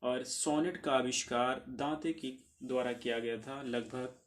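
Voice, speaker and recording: Slow, deliberate male teacher. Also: medium pitch, fairly even intonation. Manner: reads English definitions slowly, then explains in Hindi; clears throat, corrects himself. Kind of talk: exam-prep literature lesson.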